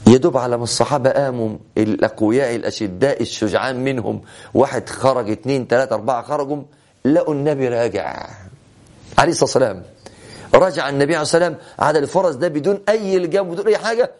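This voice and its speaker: A man's voice: medium pitch, racing, darkish tone. A man with an Egyptian Arabic accent preaching a sermon, telling stories dramatically and repeating phrases for emphasis. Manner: dramatic, shifts between classical and colloquial, emphatic repetition. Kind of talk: sermon storytelling.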